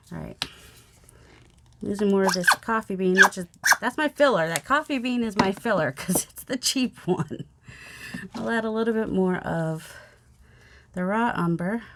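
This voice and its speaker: Her voice sits mid-range with some vocal fry, and there's slight background noise. A woman in her forties who sounds youthful and childlike, she works as a mixed media artist and chats loosely through a crafting vlog, poking fun at herself as she paints. The overhead camera at her home craft table captures only her hands.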